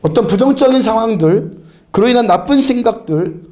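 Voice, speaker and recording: With an extremely high-pitched, slightly mellow voice, a male pastor delivers a brisk, lively sermon, pressing his congregation with firm commands and laughing often as he goes. The sound carries the echo of the church sanctuary he's preaching in.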